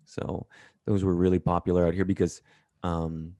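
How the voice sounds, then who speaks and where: A man talking as an interview guest, blunt and profane, telling animated stories in a casual chat. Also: sits low, moderate pace, no room sound.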